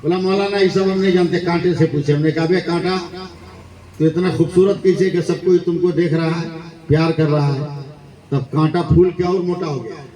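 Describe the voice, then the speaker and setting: Indian-accented male preacher, slightly high voice, tells stories and rouses the crowd to shout back, echoey PA sound. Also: steady tone, normal speed. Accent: Indian Hindustani. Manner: storytelling with acted dialogue, rising to shouted calls for the crowd to respond. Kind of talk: Islamic religious speech at a conference. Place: large conference gathering. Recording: echoey public address, crowd behind.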